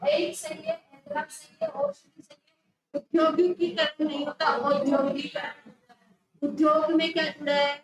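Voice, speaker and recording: A woman's voice: very high voice, sing-song, normal speed, over music. A woman teacher going over exam questions with her students, firmly correcting mistakes and repeating key words. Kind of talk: exam prep lesson going over a test. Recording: echoey room with faint noise.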